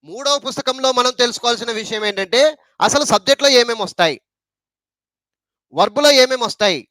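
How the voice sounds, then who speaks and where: A man's voice: very high voice, fast, sharp tone, dry recording. A man with a Telugu accent teaching an English grammar lesson, repeating points and asking rhetorical questions.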